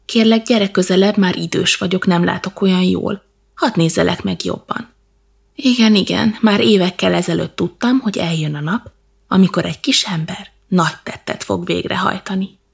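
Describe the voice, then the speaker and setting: A woman voicing an old, wise, kindly elephant in a children's storybook, speaking gently and cordially. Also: fairly low pitch, steady tone, gravelly, breathy edge. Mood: gentle. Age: older. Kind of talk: storybook character voice.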